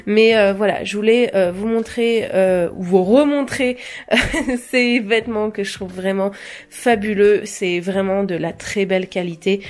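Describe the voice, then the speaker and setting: A young fashion vlogger chats casually to camera about clothes she bought, hesitant and full of fillers and small laughs. Her mid-range voice is a little mellow, with a steady tone and measured pace, in this haul chat.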